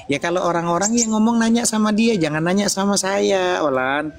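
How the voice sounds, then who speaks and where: A man preaching and hosting a live online interfaith debate, who stays calm and patient and explains points slowly. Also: high voice, slight background noise. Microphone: video call.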